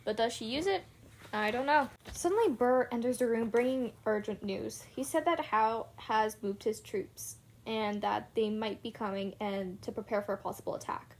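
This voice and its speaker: Young woman, casual book recap, chatty, lots of "like" fillers, slightly high voice. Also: normal speed. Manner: chatty retelling with many "like" fillers. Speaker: book reviewer.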